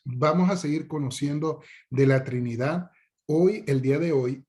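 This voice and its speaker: A pastor with a warm, mid-range voice teaches a discipleship class. His Bible lesson is conversational, informal and full of jokes, with plenty of fillers and restarts.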